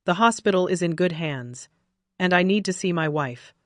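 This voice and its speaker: A woman's voice: fairly low pitch, animated, normal speed, no room sound, studio quality, natural voice. A woman reading the lines of a caring young male doctor, a husband who speaks eagerly and tenderly.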